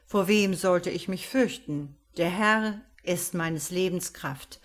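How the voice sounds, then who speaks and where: A solemn male pastor leads a funeral in a slow, sonorous manner, every phrase drawn out and weighty, voiced by a woman narrator. The voice sits rather low for a woman and has the measured gravity of a sermon. It is an audiobook character voice rather than a full transformation.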